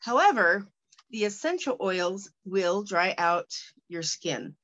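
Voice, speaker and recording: A woman giving a casual product unboxing, talking in a chatty, rambling way with many fillers and restarts, sometimes reading product copy aloud haltingly. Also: mid-range voice, lively intonation, a bit bright, dull audio. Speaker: product reviewer.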